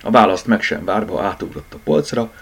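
A man reading a children's story aloud with lively expression. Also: low voice, slightly rough.

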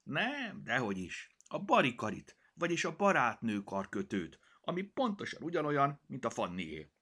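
A man's voice: mid-range voice, wildly swooping pitch, bright, forceful tone, breathy edge, pitched above the performer's own voice, exaggerated voice. A man voicing an earnest, fretful nine-year-old girl in a storybook reading, with a raised, pleading voice. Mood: eager.

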